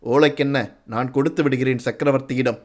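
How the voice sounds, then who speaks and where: A man's voice: mid-range voice, fairly even intonation, a little fast, natural voice. A man voicing a stern, proud middle-aged commander of a fortress, firing brusque, commanding questions in an audiobook story.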